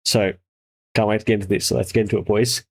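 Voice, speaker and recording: A man's voice: fairly low pitch, steady tone, fast, slight background noise. A man hosting a casual trailer reaction with sweary, laddish, slangy enthusiasm. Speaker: host, game developer reviewing trailers.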